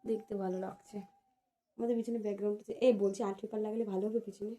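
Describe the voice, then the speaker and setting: A woman's voice: mid-range voice, little pitch movement, fast, mellow. A woman in casual home chat, coaxing and teasing, repeating her requests. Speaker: wife.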